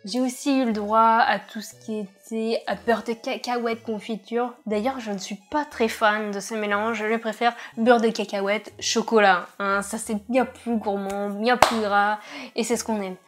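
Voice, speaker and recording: A woman's voice: fairly high pitch, fairly even intonation, a little slow, faint music behind. A young woman from France telling travel stories to camera in a casual, chatty way, with frequent hesitations and wry asides. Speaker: vlogger.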